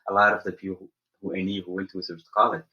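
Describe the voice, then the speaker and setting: A young man from Somaliland with a low voice and a bright, forceful edge, telling his story as a podcast guest. He speaks earnestly and fills his pauses with "uh" and "you know" while he hunts for words. The recording sounds a little dull and lo-fi. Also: flat delivery. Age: young adult. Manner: earnest, searching for words with frequent fillers. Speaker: guest, college senior. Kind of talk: casual interview answers.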